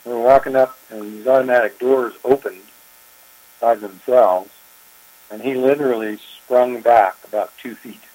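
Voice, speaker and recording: An older man, a former park chief ranger, telling his story in an interview, unhurried and reflective with frequent pauses. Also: medium pitch, steady tone, dark tone, low-quality recording. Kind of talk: oral history interview.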